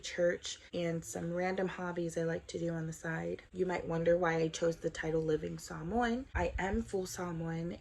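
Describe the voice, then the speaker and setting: A woman in her twenties from Southern California speaks to her viewers in a lower voice. She sounds earnest and upbeat as she reads through her scripted introduction. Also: gravelly, a little mellow. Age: 20s. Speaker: vlogger.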